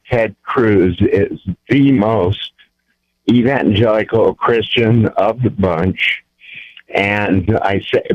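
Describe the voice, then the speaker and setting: Slow, firm man calling on a dull line. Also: fairly low pitch, dry recording. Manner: deliberate, firm, opinionated. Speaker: caller. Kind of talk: phoning in to a radio show.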